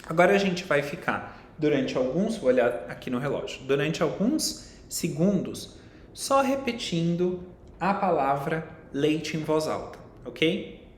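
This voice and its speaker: A man's voice: expressive, unhurried. A young man with a Brazilian accent, a psychologist giving an online lecture, explaining and asking viewers questions directly. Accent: Brazilian Portuguese. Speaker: psychologist teaching a course. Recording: echoey room with faint rumble.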